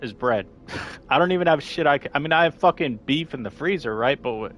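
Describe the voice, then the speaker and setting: A man's voice: a little high, expressive, fairly quick, a bit bright. Rambling, swearing young male streamer. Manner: rambling, swears freely, talks with mouth full. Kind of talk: casual livestream chat.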